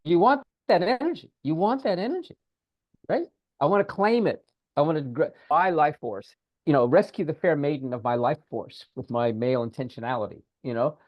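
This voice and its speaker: A man co-hosting a casual podcast, talking in an animated, repetitive way and coaching a listener through a guided breathing exercise over a video call. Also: fairly high pitch, fairly quick, dry recording, highs cut off. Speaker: podcast co-host, spiritual teacher.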